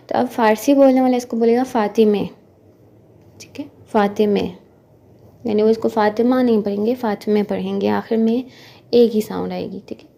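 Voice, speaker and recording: A woman with an Urdu-speaking accent gives an online language lesson, walking through each sound patiently and checking in as she goes. Her voice sits a little high but has a dark, mellow color with a gravelly edge. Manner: patient, explains step by step, often checks with "theek hai". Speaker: Persian language teacher.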